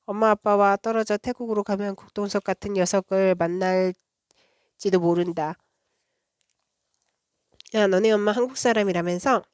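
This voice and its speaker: Smooth-voiced woman reading a storybook. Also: medium pitch, no echo, studio quality. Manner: steady, expressive storytelling. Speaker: book reader. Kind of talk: children's book read-aloud narration.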